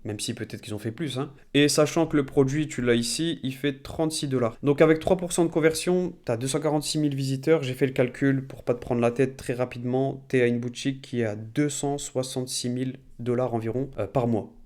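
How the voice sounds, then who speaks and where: A man of ordinary pitch guides a viewer through a screen-share tutorial. He thinks aloud in a relaxed, chatty way, filling pauses as he goes and talking straight to the viewer. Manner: relaxed, many fillers. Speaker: e-commerce YouTuber.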